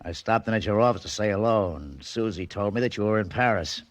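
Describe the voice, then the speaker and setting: A gruff American police detective from an old radio show, played by a male actor, curt and sardonic. His voice is low, with a dry, close sound. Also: brisk, no room sound, natural voice. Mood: brusque explaining. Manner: curt, sarcastic, clipped tough-cop talk. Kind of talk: 1940s radio drama acting.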